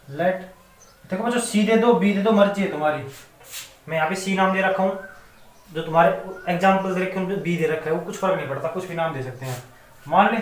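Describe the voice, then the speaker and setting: A man with a Rajasthani Hindi accent teaching a maths lesson, often asking the students whether they have understood. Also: high-pitched. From India. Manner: repeatedly checks students' understanding. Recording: echoey room, mic at a distance, faint noise.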